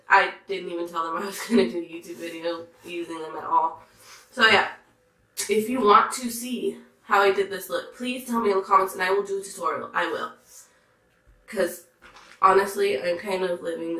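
Hoarse, congested woman gushing about makeup. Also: fairly low pitch, sharp tone, echoey room, poor audio. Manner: gushing, chatty, full of "like". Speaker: beauty vlogger. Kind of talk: casual makeup review chat.

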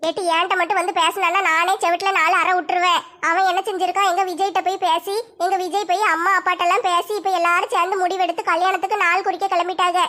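A woman voicing a fretful young village woman in a comic skit, with a squeaky, pitched-up voice. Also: level tone. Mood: worried. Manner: rapid, bright, squeaky high voice. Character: young village woman, upset, fretting over marriage.

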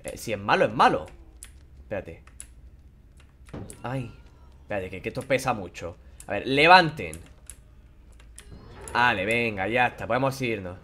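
A man commentating a horror game playthrough, taunting and swearing at the characters in a playful, animated way. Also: lowish voice, measured pace, long pauses. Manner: animated, playful sound effects and singing. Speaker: gameplay commentator. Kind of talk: casual let's-play commentary.

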